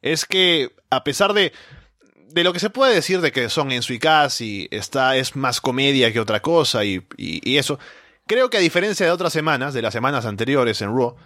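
A man co-hosting a casual podcast, relaxed and thinking aloud with small restarts. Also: mid-range voice, moderate pace, no room sound, clean studio sound. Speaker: podcast co-host. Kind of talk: casual wrestling podcast chat.

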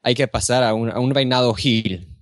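A man's voice: medium pitch, normal speed, no echo, clean studio sound. Chatty man co-hosting a podcast. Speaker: podcast co-host. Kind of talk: casual wrestling podcast chat.

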